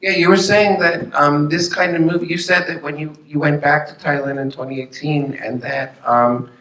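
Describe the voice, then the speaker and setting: A chatty male moderator with a bright, slightly higher voice, leading a festival Q&A. He sounds distant, with a roomy echo around him. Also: fairly even intonation, normal speed. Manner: inquisitive, chatty. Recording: echoey room, heard from a distance.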